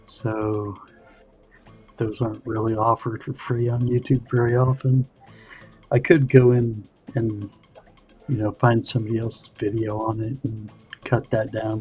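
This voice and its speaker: A man's voice: fairly low pitch, dark tone. A man hosting a livestream, chatting casually and explaining things in a rambling way with lots of "you know". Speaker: livestream host. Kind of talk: casual chat.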